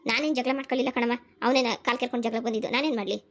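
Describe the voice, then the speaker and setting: A woman voicing a hurt, defiant schoolgirl in a cartoon, with a high, whiny, tearful voice. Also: steady tone, racing, close to an everyday voice. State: crying. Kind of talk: cartoon voice acting.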